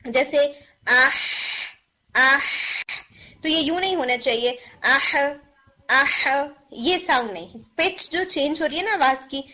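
A woman's voice: high-pitched, a bit bright. A woman teaching recitation pronunciation, patient, drawing out sounds to demonstrate, with a sore throat. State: sore throat, clearing it often. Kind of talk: online pronunciation lesson. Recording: dull lo-fi recording.

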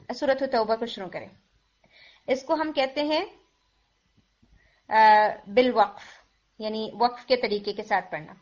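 A woman's voice: high voice, fairly bright tone. A woman teaching the rules of Quran recitation, explaining step by step with patience and mixing in English words. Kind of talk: tajweed lesson. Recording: dull lo-fi recording.

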